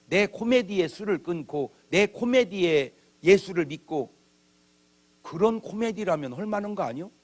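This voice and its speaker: Casting: male pastor, revival sermon, high voice, big swings in pitch, comic delivery. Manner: humorous, conversational preaching with acted-out quotes. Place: church. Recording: old church video.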